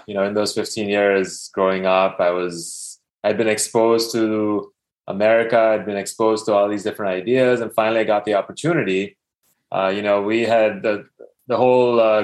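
A man in his thirties from Dubai, a podcast guest telling his life story casually, with many fillers and restarts. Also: lowish voice.

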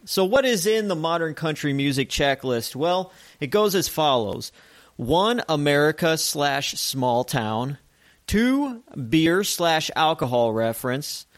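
A man hosting a comedic radio-style show, chatty and animated as he jokes through his segments. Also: a little high.

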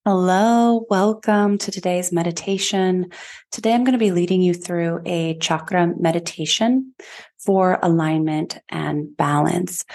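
A woman podcast host and yoga teacher leading a guided meditation in a slow, soothing, calm way. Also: lowish voice, gravelly.

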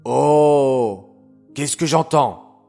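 A man voicing a gentle, patient father who teaches his children in a storybook tale. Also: medium pitch, vocal fry, faint music behind, voice pushed down. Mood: surprised. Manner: calm, measured, gently instructive.

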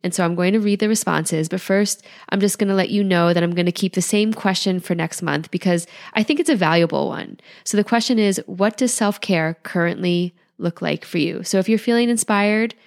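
Woman with a nasal, gravelly voice. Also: medium pitch, normal speed. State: nasal voice, getting over an illness. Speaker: podcast host, holistic life coach. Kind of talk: calm podcast talk.

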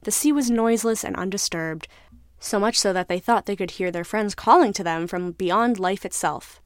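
A woman narrating a scripted story in a measured, even way. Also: medium pitch, no room sound, studio quality.

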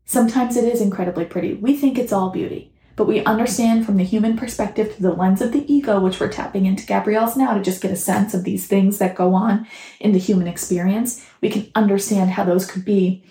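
A woman channeling a calm collective spirit guide that speaks as "we" in measured, reassuring statements. Her voice sits mid-range and is recorded on a phone in a roomy, echoing space. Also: medium pitch, natural voice. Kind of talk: channeled message.

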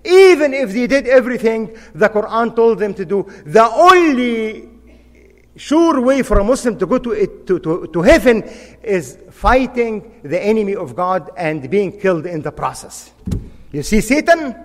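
A man's voice: high-pitched, animated, moderate pace, in a large hall. A middle-aged man from Egypt, preaching a sermon in an impassioned, emphatic way and repeating key phrases.

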